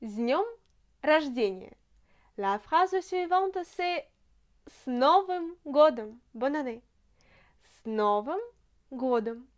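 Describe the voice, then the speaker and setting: A woman with a Russian accent, a native Russian speaker teaching a language lesson, slow and careful, repeating each phrase with frequent hesitations. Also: sits high, animated.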